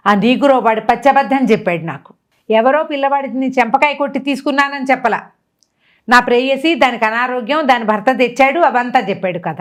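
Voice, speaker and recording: A middle-aged woman telling a dramatic story in a casual talk-show manner, lifting her pitch sharply for emphasis. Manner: animated, swings up in pitch for emphasis. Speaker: storyteller guest.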